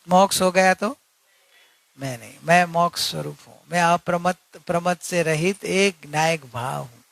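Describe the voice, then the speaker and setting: A man's voice: high voice, a bit bright, no echo. A man giving an earnest religious discourse, repeating key points and asking rhetorical questions. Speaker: spiritual teacher.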